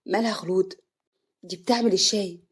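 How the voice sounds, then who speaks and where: A woman voicing a young, earnest husband with an Egyptian accent, in a lowered, pleading voice. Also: steady tone, fast, breathy edge, lightly acted. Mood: agitated.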